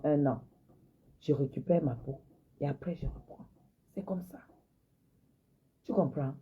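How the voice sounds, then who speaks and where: A woman's voice: deep voice, husky. A woman, confronting and mocking someone in a heated, repetitive live-stream rant. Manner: confrontational, mocking, repeats herself. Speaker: social media personality. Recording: tinny phone-line sound.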